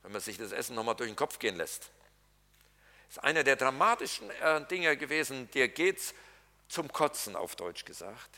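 A man's voice: mid-range voice, sing-song, normal speed, bright, forceful tone. A man preaching a sermon as pastor, colloquial and jokey, talking straight to his congregation. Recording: reverberant hall.

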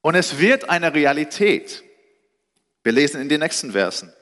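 A male preacher retells a scripture story, animated and expressive, often speeding up or slowing down. His voice sits slightly high. A long hall reverb trails behind it. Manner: storytelling, animated, with shifting pitch and pace.

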